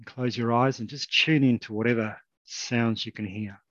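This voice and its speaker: Calm man guiding a meditation. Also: medium pitch, no echo, muffled recording. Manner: slow, soft, calm, with long pauses. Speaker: meditation guide. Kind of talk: guided meditation.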